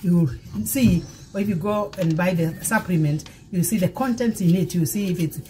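A woman's voice: fairly low pitch, moderate pace, background noise. A middle-aged woman, a pastor, talking through a cooking demonstration in her home kitchen, encouraging and often repeating phrases for emphasis. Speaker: pastor hosting a cooking show. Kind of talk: casual cooking demonstration with preaching.

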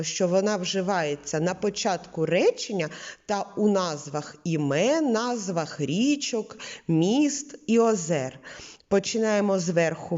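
Woman preschool teacher, mellow and lively, stretches out sounds; slightly dull recording. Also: mid-range voice. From Ukraine. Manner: slow, patient, drawing out sounds and words. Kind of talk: literacy lesson for preschoolers.

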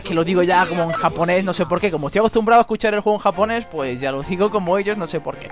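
A man's voice: high voice, a bit bright. A young man with a Spain Spanish accent commentating a fighting game, jokey and exclamatory, swearing often. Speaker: gameplay commentator. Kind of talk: excitable let's-play commentary. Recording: game music playing behind. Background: game music.

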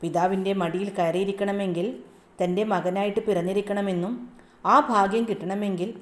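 A woman's voice: mid-range voice, steady tone, normal speed, lightly acted. Woman putting on an earnest little boy prince, devout, storybook, echoey sound. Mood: hurt. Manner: earnest, pleading. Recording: roomy echo.

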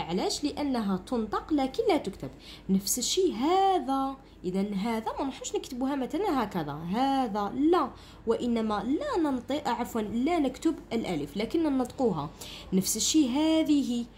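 A woman's voice: fairly high pitch, a little mellow, slight background noise. A woman with an Algerian accent, a primary school teacher giving a grammar lesson to children and explaining each step while checking that they follow. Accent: Algerian Arabic. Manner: explains step by step, often asks "understood?".

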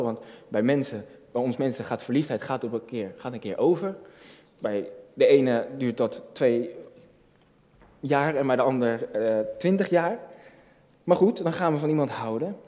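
A man's voice: mid-range voice, dark tone. Dutch-style preaching man, hall reverb. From Netherlands. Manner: conversational preaching, many restarts, building to emphatic peaks. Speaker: youth pastor. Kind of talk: sermon.

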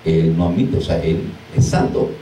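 Here a deliverance minister with a low voice talks at normal speed, preaching informally to a few people. Animated throughout, he imitates exclamations and breaks into laughter as he goes, captured from a distance in a reverberant room.

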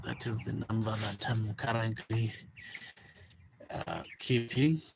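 Man, low gravelly flat voice; soft, hesitant farm walkthrough; noisy phone recording in a chicken house. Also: slow pace. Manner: soft, hesitant, many fillers and repeated words. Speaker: poultry farmer showing his broiler chickens. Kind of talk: informal farm walkthrough vlog. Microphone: handheld phone, speaker off camera. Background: chickens chirping.

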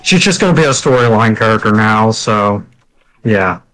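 A young man showing off the game he is developing, relaxed and explaining, laughing often. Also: on the low side, moderate pace, rough recording. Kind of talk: casual gameplay walkthrough.

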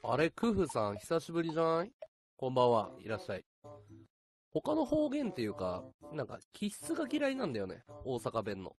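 A man from Chiba chatting casually on his live stream, answering viewer comments in a relaxed, chatty way. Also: mid-range voice, fairly quick. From Chiba, Japan. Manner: relaxed, chatty, talks back to chat comments.

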